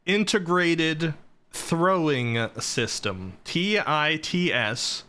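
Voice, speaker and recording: A man's voice: fairly high pitch, expressive, extremely slow, pushed and bright, clean tone. A man hosting a livestream, commenting casually on old clips in a playful, self-mocking way. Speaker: streamer, host. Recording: faint music behind voice.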